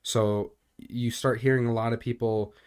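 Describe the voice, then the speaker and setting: A man's voice: mid-range voice, level tone, normal speed, darkish tone, clear, resonant tone. Earnest young man chatting on a podcast. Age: young adult. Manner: earnest, rambling, with many fillers. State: intermittent cough. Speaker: podcast co-host. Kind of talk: casual podcast discussion.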